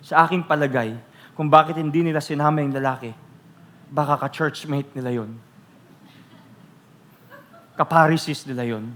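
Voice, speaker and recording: A Filipino man preaching a sermon as pastor, teasing the congregation with rhetorical questions and loudly acting out quoted voices. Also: fairly high pitch. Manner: switches between Tagalog and English, acts out quoted voices loudly.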